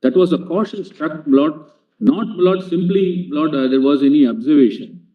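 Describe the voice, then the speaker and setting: A man's voice: fairly high pitch, normal speed. A man arguing a legal case before a court, formally addressing the bench with "my lord" at nearly every phrase. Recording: tinny, echoey courtroom feed from a distant mic.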